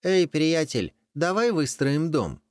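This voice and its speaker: A man's voice: on the high side, very animated, slow, no room sound, studio quality, pitched above the performer's own voice. A man doing a sly coaxing tomcat in a storybook. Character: sly clever tomcat, bold and resourceful.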